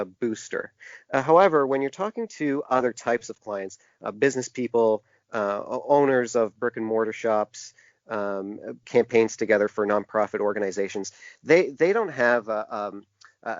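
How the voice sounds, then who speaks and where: A podcast guest who works as a typographer and graphic designer answers interview questions at length in a conversational, hesitant way. His voice sits at a medium pitch, and the podcast audio is dull, lo-fi, and dry.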